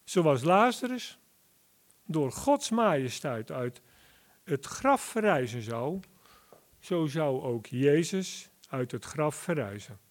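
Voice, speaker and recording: Slow, deliberate male preacher. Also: fairly high pitch, big pitch swings. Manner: slow, deliberate Bible exposition with emphatic rises. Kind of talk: sermon.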